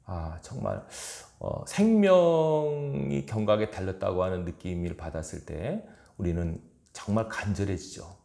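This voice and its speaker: A man's voice: low-pitched, sing-song, unhurried, creaky, warm tone. A male pastor preaching a fervent, emphatic sermon in a church sanctuary. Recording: roomy church echo.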